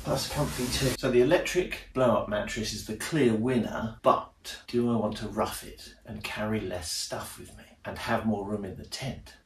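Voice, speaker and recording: A man's voice: fairly low pitch, normal speed, hardly any pauses. A man in his forties with a London accent, vlogging casually from his home, rambling and self-deprecating as he films himself on a phone at arm's length. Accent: British English (London). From England. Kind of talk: casual self-filmed vlog. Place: home rooms, indoors. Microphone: phone camera at arm's length.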